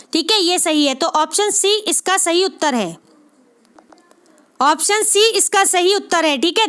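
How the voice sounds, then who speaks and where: A woman's voice: very high voice, sharp tone. A woman teaching spelling for exams, explaining patiently and repeating each answer with frequent check-ins to her viewers. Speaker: Hindi exam tutor. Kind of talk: exam-prep lesson, repetitive explanation.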